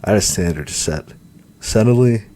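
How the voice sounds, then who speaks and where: A man's voice: low voice, normal speed, a little mellow, slight background noise. A man narrating a first-person romance novel in a wry, cynical, confessional tone. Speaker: audiobook narrator.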